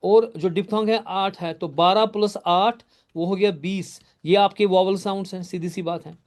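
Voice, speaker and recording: In a live class, a man explains lessons step by step, addressing students by name, answering their typed questions, praising answers, and checking they keep up. His voice sits high and is a little mellow, with fairly even intonation at a normal speed.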